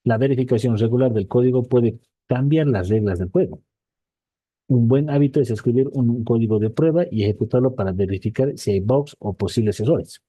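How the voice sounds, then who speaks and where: Dark-voiced man teaching a programming class. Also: mid-range voice, a little fast, dry recording. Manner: reads a list aloud, then explains it in loose chatty asides; checks in with frequent "¿sí?" tags. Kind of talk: casual online class.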